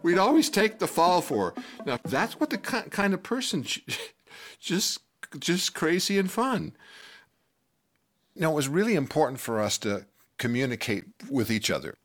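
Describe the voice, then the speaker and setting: An older man telling a personal story to an audience, animated, acting out quotes and laughing as he goes, with music playing under his voice. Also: fairly high pitch, moderate pace.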